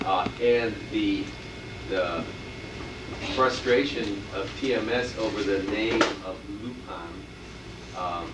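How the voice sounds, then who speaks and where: An old VHS camcorder tape of a man with a low voice speaking in measured, hesitant phrases from a convention panel. He sits far from the microphone in a big, echoey hall. A loud hiss runs under everything. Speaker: film distributor on a convention panel. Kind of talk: panel talk. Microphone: distant camcorder mic.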